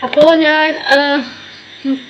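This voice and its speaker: A woman's voice: high voice, completely flat delivery, slow pace, slight background noise. A young woman vlogging in a casual, chatty way with a Thrissur Malayalam accent, her voice a little worn after a fever, speaking into a phone camera set down nearby. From Kerala, India. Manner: chatty, ends sentences with tag words. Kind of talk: casual vlog narration. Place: home work area, then temple grounds.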